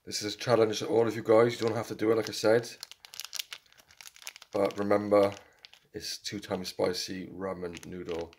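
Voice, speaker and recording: Low, flat-toned young man, noisy recording. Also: moderate pace. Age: young adult. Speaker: challenge vlogger. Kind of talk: casual chat to viewers. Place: small home kitchen. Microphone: handheld camera. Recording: noisy handheld camera recording.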